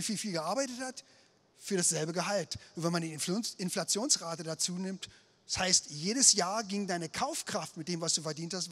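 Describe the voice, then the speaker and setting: A middle-aged man from Berlin telling a lively, self-mocking story about his career on stage, speaking into a handheld microphone. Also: high-pitched. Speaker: speaker at a failure-story night. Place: indoor event stage before an audience. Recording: long hall reverb of an event space.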